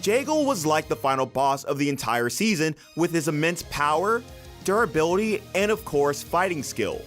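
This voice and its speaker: A man's voice: a little high, very animated, normal speed, fairly bright tone, soft background music. A man reading scripted countdown narration for a video list.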